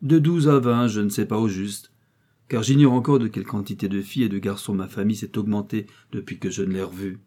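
A man voicing an old, ailing, wealthy gentleman who is commanding and impatient, in an audiobook reading. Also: on the low side, fairly even intonation, a little fast, natural voice.

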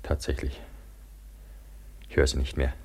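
A desperate man buried under an avalanche in a radio drama, worn out and afraid. His voice is very deep and husky, and his anxious questions keep breaking into cries for help. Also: monotone, unhurried, heavily acted. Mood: exhausted. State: exhausted and frightened.

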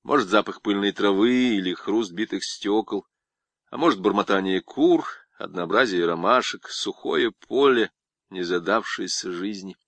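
A man narrating an audiobook in an expressive, ironic storytelling manner. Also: lowish voice, moderate pace, no echo.

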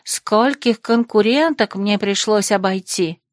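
A woman's voice: medium pitch, slow, no room sound, studio quality, close to an everyday voice. A woman voicing a haughty, catty young aristocratic woman in an audiobook, drawling and reproachful.

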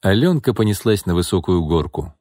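A man narrating an audiobook in an expressive storytelling manner. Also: deep voice, fairly quick, no room sound, clean studio sound. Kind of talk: scripted narration.

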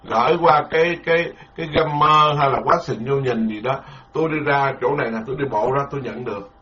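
Animated monk, muffled recording. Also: male voice, medium pitch, a little fast. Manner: animated, repetitive stammering, rueful laughter. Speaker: Buddhist monk. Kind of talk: dharma talk.

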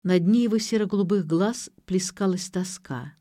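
A woman narrating an audiobook in the first person, telling the story evenly and clearly. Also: mid-range voice, normal speed, mellow, dry recording, studio quality.

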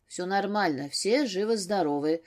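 A woman voicing a gruff, grumbling older brother in an audiobook. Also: mid-range voice, expressive, normal speed, a little mellow, close to an everyday voice.

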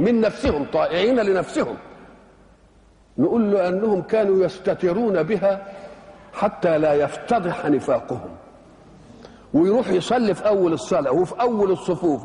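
A man's voice: high-pitched, darkish tone, long reverb tail. An older man with an Egyptian accent explaining scripture in a lecture, posing rhetorical questions and answering them himself in colloquial asides. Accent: Egyptian Arabic. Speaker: Quranic exegete. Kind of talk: religious lecture.

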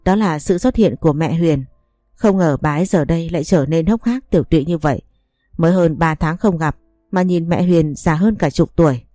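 Brief: woman audiobook narrator, mellow, dry close sound, faint music. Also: deep voice, moderate pace, dry recording. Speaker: audiobook reader. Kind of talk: scripted story narration.

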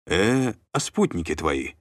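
A man voicing a blunt, seasoned warrior father with a gruff manner. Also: deep voice, very animated, slow pace, dry recording, clean studio sound, heavily acted.

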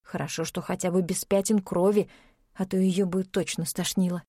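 A woman narrating an audiobook in a steady, expressive reading. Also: fairly low pitch, normal speed, dry recording, clean studio sound. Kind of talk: scripted narration of a crime novel.

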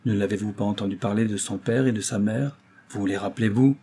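A man reading the part of a cold, secretive young noblewoman who speaks in a grave, measured tone. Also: on the low side, fairly even intonation, warm tone, slightly rough.

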